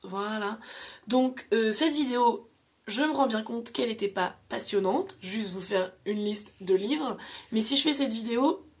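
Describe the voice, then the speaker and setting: A woman's voice: fairly high pitch, measured pace. A young woman chatting casually to camera as a book vlogger, listing the books she has read with frequent fillers. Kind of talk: casual reading-challenge vlog.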